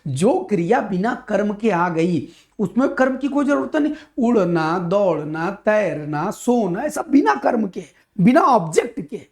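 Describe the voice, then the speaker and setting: Sir from up, animated grammar lecture, keeps asking and answering his own questions. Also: sits high, unhurried, gravelly. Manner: lively, rhetorical, acts out student questions. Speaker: Hindi teacher. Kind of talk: exam-prep lecture.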